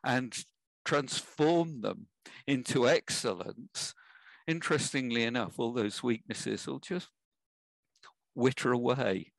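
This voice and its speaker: Man, gravelly voice, measured and advisory, dry close sound. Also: mid-range voice, no room sound, rough recording. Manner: measured, advisory, emphatic at key points. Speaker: guest giving life advice. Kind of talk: casual interview.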